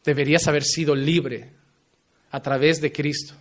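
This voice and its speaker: A male pastor preaching a fervent sermon, pressing listeners with direct questions and swinging from loud emphatic lines to low, quiet endings. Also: steady tone, moderate pace.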